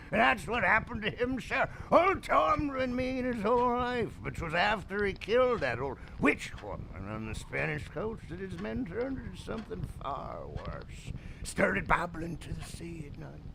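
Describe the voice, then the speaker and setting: Against background noise, an actor with a slightly high, gravelly and creaky voice plays an aged, drunken seaman. Using salty old-sailor talk, he recounts grim tavern tales with theatrical menace in this horror audio drama.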